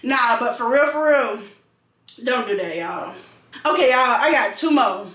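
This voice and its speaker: A woman's voice: a little high, expressive, measured pace, a bit bright. A woman venting casually to camera, emphatic and repeating phrases for stress. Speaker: vlogger and call center customer service worker. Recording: echoey room.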